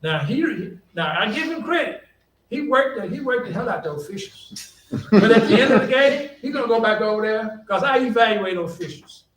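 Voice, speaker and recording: Older man, high voice, echoey hall. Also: normal speed. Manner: folksy, animated anecdotes with quoted voices and laughter. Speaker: college basketball coach, panel speaker. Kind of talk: storytelling on a conference panel. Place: conference hall. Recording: echoey hall from a distance, faint background hum.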